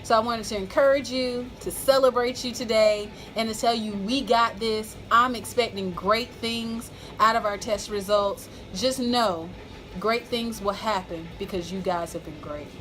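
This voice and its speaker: A woman's voice: on the high side, fairly even intonation, a little slow, fairly bright tone, slight background noise. An American woman speaking as a school principal, giving an encouraging, emphatic motivational talk to staff and repeating key phrases.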